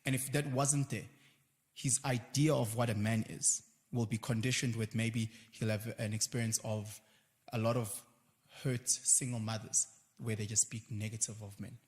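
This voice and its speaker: Animated South African man in a reverberant room. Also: fairly low pitch, moderate pace. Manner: animated, acts out voices and quotes in passing. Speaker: guest. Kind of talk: casual conversation.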